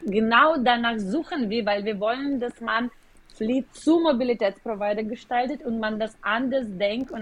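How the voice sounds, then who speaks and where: On a podcast, a woman executive appears as a guest and gives long explanations in German that's slightly non-native, hesitating here and there. She has a Ukrainian accent and a voice on the high side, but the audio quality is poor.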